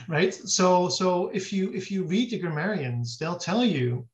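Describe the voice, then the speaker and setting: A guest scholar speaks slowly in a high-pitched, expressive voice, explaining at length during an interview. He thinks aloud and keeps restarting his sentences, and the lo-fi recording sounds dull.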